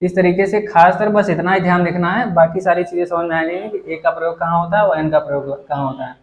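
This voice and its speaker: A man's voice: high-pitched, fairly even intonation, fast talker, a little hiss or hum, rough recording. A man teaching English grammar in Hindi-language lessons, explaining step by step and answering his own questions as he goes.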